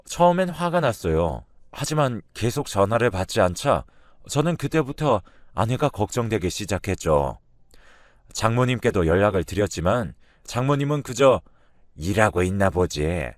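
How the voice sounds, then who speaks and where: A man's voice: on the low side, dry recording, studio quality. A man narrating a first-person story in a confessional retelling tone.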